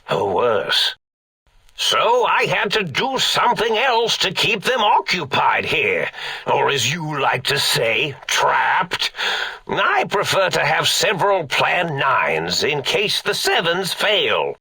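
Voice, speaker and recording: A male actor performs a full character voice as an eccentric, absent-minded mad scientist in a video game, a comically villainous figure who rants and rambles grandly and theatrically. The voice is a little high, gravelly and sharp, recorded on a distant mic with heavy reverb.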